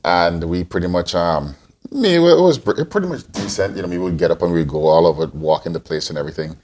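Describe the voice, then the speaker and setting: Man, forties, very low voice, from Guyana, podcast co-host, casual rambling talk. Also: animated, brisk, a little mellow. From Guyana, raised in Antigua. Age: 40s. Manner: rambling, many restarts and fillers. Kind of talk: casual interview answers.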